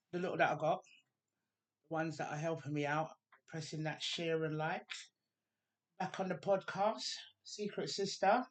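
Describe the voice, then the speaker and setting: A woman's voice: low voice, unhurried, pauses often. A woman from England hosting a casual podcast chat, talking straight to her followers and often checking in with "you understand?". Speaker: podcast host.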